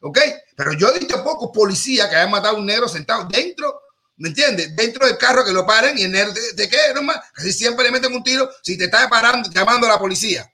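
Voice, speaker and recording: A man delivers a rambling, joking talk-show monologue in a high voice that rings very bright and forward. Expressive and quick, he stumbles, repeats himself and restarts before driving his point home.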